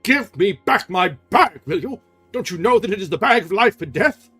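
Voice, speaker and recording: A man voicing a furious, menacing monster of a man in a loud, snarling voice for a storybook reading. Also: fairly high pitch, sing-song, a little slow, husky, soft background music, pitched above the performer's own voice, heavily acted. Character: furious menacing male monster, jealous captor.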